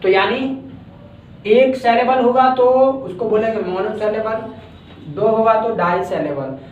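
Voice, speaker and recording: A man's voice: high-pitched, a little slow, slight background noise. A man from India teaching a grammar class, patiently repeating words and breaking them into syllables. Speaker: English teacher. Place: echoey classroom. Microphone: far from the mic. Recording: echoey room, distant dull lo-fi mic.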